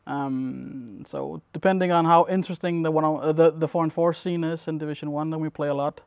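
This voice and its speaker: A young man from Denmark, a competitive gamer, answering interview questions in a relaxed, rambling way with plenty of fillers. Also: fairly high pitch, a little fast, smooth, no room sound, studio quality. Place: dim indoor room at a gaming event.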